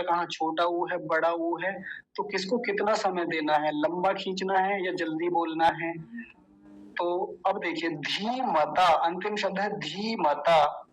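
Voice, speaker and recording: A middle-aged man teaching verse pronunciation in a class, explaining patiently and chanting verses slowly and deliberately. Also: sits high, slight background noise, rough recording. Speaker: Sanskrit recitation teacher.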